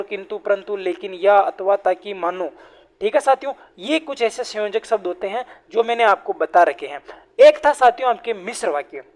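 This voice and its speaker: A woman teaches an exam-prep class online. She talks in a steady, mid-pitched voice. She keeps asking her listeners a question and then answering it herself, calling them friends again and again.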